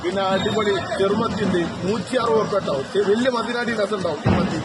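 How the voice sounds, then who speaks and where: Male fish seller, Malabar Malayalam accent, rapid exclamatory pitch to customers, heard over a very noisy outdoor market crowd. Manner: exclamatory, repeats catchphrases and prices. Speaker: fish market vendor promoting the day's catch. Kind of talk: excited promotional sales patter. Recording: loud street noise, traffic and crowd.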